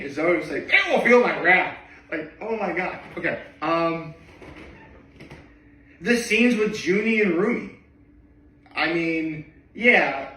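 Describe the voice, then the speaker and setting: A man's voice: a little high, sharp tone. A man chatting casually about a movie he loves, rambling with lots of fillers and rising enthusiasm. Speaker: vlogger. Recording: echoey room, voice from a distance.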